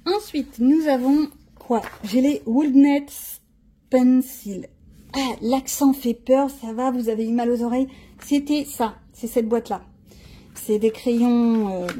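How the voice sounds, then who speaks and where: A middle-aged woman with a fairly high, mellow voice and a breathy edge chats casually about her art supplies. As she demonstrates them, she thinks aloud and throws in frank, slangy asides, keeping it a relaxed show-and-tell.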